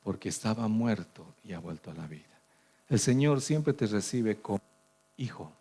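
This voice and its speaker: A man with a Bolivian Spanish accent, a pastor preaching a sermon, swinging from sudden loud rises down to soft, quiet drops. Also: fairly low pitch, expressive, moderate pace, breathy edge.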